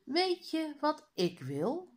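Woman voicing greedy young schoolboy, eager, scheming, raised pitch, slow. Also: wildly swooping pitch, heavily acted. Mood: cheeky.

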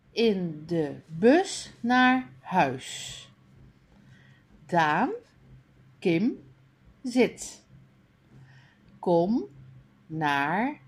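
A woman reading a beginner reading lesson aloud, sounding out each word clearly with pauses between them. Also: medium pitch. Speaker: reading teacher.

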